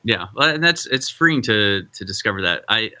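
A middle-aged pastor talks casually on a podcast, rambling, interrupting himself and restarting often. His voice sits on the low side, expressive and sharp in tone, at normal speed.

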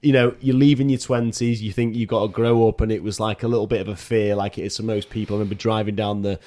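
A man's voice: on the low side, little pitch movement, quick pace, warm tone. A man in his late thirties chatting casually and reflectively, playfully acting out his own past reactions. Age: 30s. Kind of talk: casual podcast chat.

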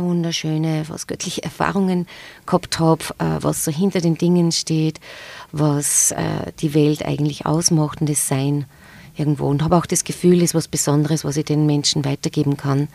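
Gravelly, dark-voiced Austrian woman. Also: deep voice, normal speed, no room sound. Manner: calm, thoughtful, with frequent hesitations. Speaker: yoga and meditation teacher. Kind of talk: podcast interview.

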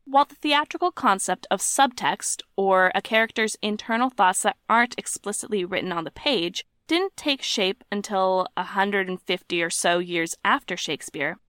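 Woman co-host, mid pitch, playful scripted read, dry studio sound. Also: moderate pace, few pauses, fairly bright tone, clean tone, dry recording. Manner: playful, sounds out rhythms aloud. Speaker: podcast co-host. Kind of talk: scripted explainer narration.

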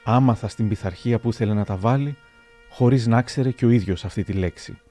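A man narrating historical anecdotes aloud in a measured, storytelling manner. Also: lowish voice, mellow, soft background music.

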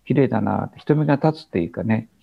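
A man in his seventies speaking slowly and thoughtfully as an interview guest over a video call. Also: lowish voice, animated, gravelly, husky, no room sound. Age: 70s. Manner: slow, halting, thoughtful. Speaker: guest teacher. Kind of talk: reflective interview talk. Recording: dull lo-fi video call audio.

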